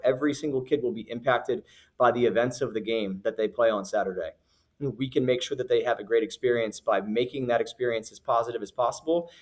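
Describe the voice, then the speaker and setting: A man running a youth basketball league, giving firm, earnest rules to parents in a recorded announcement, with many fillers and restarts. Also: mid-range voice. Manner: repeats phrases for emphasis.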